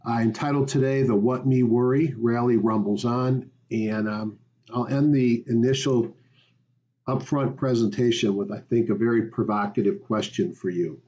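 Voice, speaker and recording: Mellow-voiced man giving a market review. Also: mid-range voice, fairly even intonation, moderate pace, muffled recording, slight background noise. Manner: conversational, rambling with fillers. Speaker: stock market educator. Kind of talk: weekly market review screencast.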